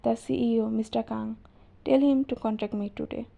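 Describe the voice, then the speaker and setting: A woman voicing a cold, possessive young husband, low and curt, on a dull lo-fi recording. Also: steady tone, brisk, vocal fry.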